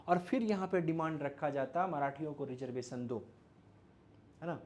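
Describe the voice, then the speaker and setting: A man with an Indian accent speaks in a high-leaning, slightly mellow voice. Acting as a teacher, he gives an informal explanatory lecture in a mix of Hindi and English, frequently posing questions and checking in with his listeners.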